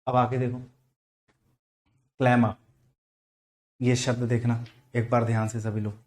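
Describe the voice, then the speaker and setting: Man, Hindi accent, exam-prep vocabulary teacher, medium pitch, slow patient explaining, spells words out, asks the class questions. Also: little pitch movement, a little mellow. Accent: Hindi-accented English. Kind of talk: online vocabulary lesson.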